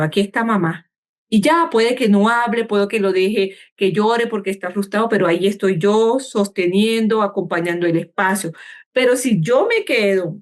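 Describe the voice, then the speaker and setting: A woman clinical psychologist giving calm, measured advice in an interview, slowing down and stretching words to show how to breathe. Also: mid-range voice. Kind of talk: calm explanatory interview talk.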